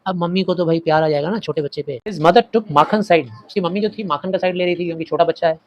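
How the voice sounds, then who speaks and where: A middle-aged male teacher retells a story for his class, pausing to explain word meanings in plain, patient language, going slowly and mixing languages as he glosses terms. His voice is a little high, and the sound is lo-fi.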